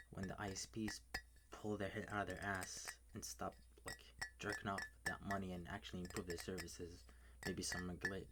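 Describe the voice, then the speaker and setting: Low whispering man ranting into a mic. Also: background noise. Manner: whispering, ranting, swears often. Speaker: ASMR video maker. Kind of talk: whispered ASMR rant. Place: bedroom at home at night. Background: faint keyboard tapping and clicks.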